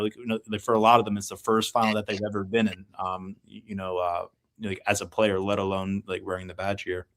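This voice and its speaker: A man chatting casually as a football fan pundit, halting and circling back with many repeated "you know" and "like" fillers. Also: lowish voice, fairly bright tone.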